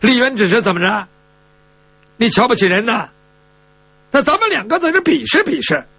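A man's voice: very high-pitched, animated, moderate pace, gravelly, sharp tone, slightly rough, no echo, full character voice. A man voicing an arrogant, spoiled young male swordsman who taunts and needles. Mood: challenging.

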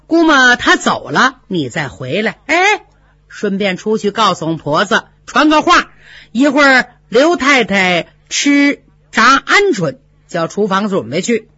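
A storyteller doing a sharp young noblewoman who schemes and commands in a brisk, lively voice that swings up and down. The voice is a little husky and sits close and dry on a dull, lo-fi recording. She plots and gives orders without pausing to weigh them. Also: medium pitch, dry recording, heavily acted. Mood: scheming. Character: sharp clever young noblewoman, household manager.

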